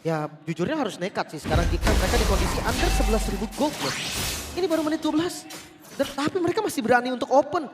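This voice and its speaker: An Indonesian man working as an esports shoutcaster, with a high-pitched voice. He calls and analyses the match in an excitable, colloquial way. Loud music runs behind him. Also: quick pace. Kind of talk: live mobile game match commentary and analysis.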